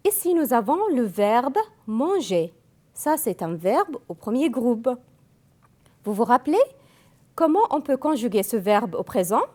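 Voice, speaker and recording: A woman whose first language is Arabic, teaching French grammar slowly, spelling out verb endings and repeating each form. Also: a little high, very animated, warm tone. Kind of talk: classroom grammar lesson.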